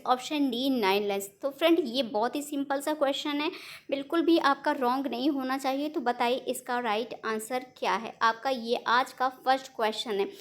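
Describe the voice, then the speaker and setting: A woman teaching an online exam-prep lesson, explaining step by step in Hindi mixed with English terms and correcting herself as she goes. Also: high voice.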